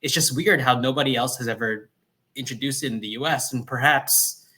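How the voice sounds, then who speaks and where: A man raised in New Jersey, a food company founder telling his story in a casual interview, upbeat and energetic. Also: mid-range voice, brisk. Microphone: livestream call microphone.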